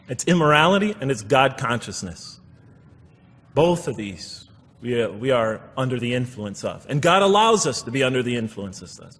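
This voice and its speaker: In a lecture hall before an audience, a man with a mid-range, slightly breathy voice gives a public religious lecture. He recites verses and comments on them in an explanatory, reflective way. The hall is echoey, with long reverb.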